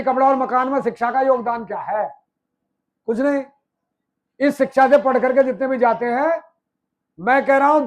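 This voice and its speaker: A man's voice: very high voice, dull audio. A man giving a political speech to an audience, firing rhetorical questions and answering them himself, piling up repeated phrases. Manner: emphatic, repeats phrases in lists. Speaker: movement speaker.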